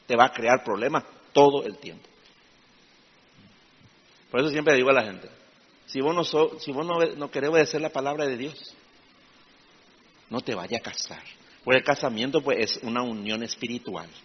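A man preaches a sermon in a slightly husky voice, shifting between loud emphatic bursts and low, confiding asides. The sound is dull and lo-fi, with a long reverb trailing each phrase as if in a large hall. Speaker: pastor.

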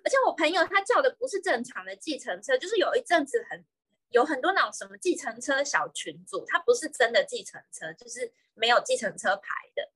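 A woman, co-hosting a casual podcast and chatting in a lively way, laughing often. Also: sits high, fairly quick, breathy edge, no echo. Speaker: podcast co-host.

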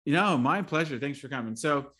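A man hosting a podcast interview, talking quickly through technical jargon. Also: mid-range voice, animated, a bit bright. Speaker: podcast host.

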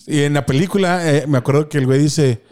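A man's voice: on the high side, quick pace, darkish tone. A man with a Mexican Spanish accent, co-hosting a casual chat podcast, swearing freely, laughing often and acting out film lines. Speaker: podcast co-host.

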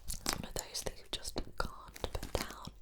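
A woman in a whispered role-play as a gentle, helpful librarian, speaking in a soft, unhurried library whisper. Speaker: librarian recommending books to a visitor.

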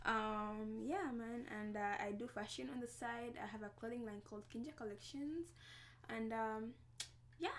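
A woman's voice: a little high, normal speed, a little hiss or hum. A young woman from Congo, a podcast guest, chatting casually, laughing often and saying "like" a lot. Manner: laughing often, heavy use of "like". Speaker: podcast guest, fashion designer. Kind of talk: casual interview chat.

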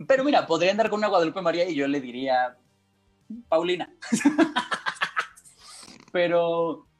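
A man's voice: on the high side, sing-song, unhurried, faint music behind. A young man with a Mexican accent, co-hosting a casual podcast, rambling through self-mocking stories in slang. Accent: Mexican Spanish. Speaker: podcast co-host. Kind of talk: casual chat.

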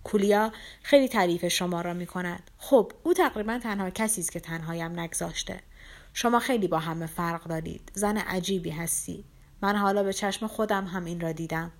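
A woman voicing a gravely ill young man who speaks quietly in a hoarse, near-whispering voice, in an audiobook reading. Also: fairly low pitch, natural voice. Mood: pleading. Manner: quiet and slow.

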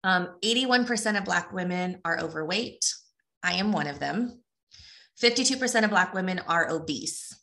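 Casting: middle-aged woman, bright clear voice, chatty and plain-spoken co-host. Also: lowish voice, expressive, normal speed. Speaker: podcast co-host. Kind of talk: casual chat, reading aloud.

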